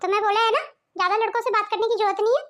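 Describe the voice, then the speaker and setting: A woman doing a sharp-tongued young wife, squeaky high. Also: fairly even intonation, very fast. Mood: suspicious. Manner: sarcastic, quarrelsome. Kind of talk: cartoon story voice acting.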